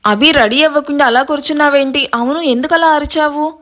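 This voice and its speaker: A woman storyteller voicing a brisk, bossy elder sister who scolds. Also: sits high, a bit bright, voice pushed up. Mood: scolding.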